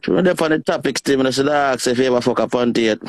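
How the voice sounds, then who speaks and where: A man's voice: mid-range voice, fast talker, no room sound. A man hosting a casual live chat, joking and laughing often. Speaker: host. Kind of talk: casual banter on a live stream.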